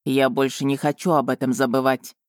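A woman's voice: very deep voice, little pitch movement, no room sound, studio quality, pitched below the performer's own voice. Woman voicing Vargan, a proud male dragon. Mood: calm. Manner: cool, measured, faintly mocking.

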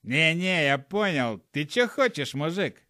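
A man's voice: a little high, big pitch swings, a little slow, bright, forceful tone, no room sound, studio quality, heavily acted. A man voicing a foul-mouthed, hot-tempered male gnome who grumbles and swears constantly in an audiobook. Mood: grumbling. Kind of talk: audiobook character voice.

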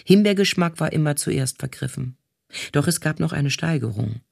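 A man reading a novel aloud in calm, even scripted narration. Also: a little high, normal speed, creaky, no echo, clean studio sound. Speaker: audiobook reader.

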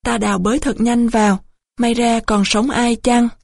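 An urgent, shaken army commander barking orders in a choked voice, read by a woman. The voice has a husky edge and a dry, close sound. It stays near the reader's own middle pitch. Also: flat delivery, normal speed, darkish tone, dry recording. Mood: urgent, pleading. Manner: urgent, choked calls to dig. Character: male company commander, urgent and distraught. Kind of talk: audiobook character voicing.

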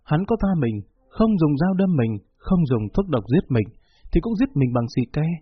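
A man's voice: fairly high pitch, very animated, moderate pace, breathy edge. Man voicing a sick, resolute young woman. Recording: dull lo-fi recording with faint music.

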